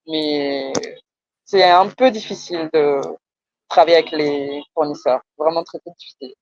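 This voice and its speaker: Explaining her business during a coaching session, a woman from France speaks with a Parisian accent in a low, steady, slightly mellow voice at a moderate pace. She hesitates often and repeats words to stress them, and the recording sounds muffled.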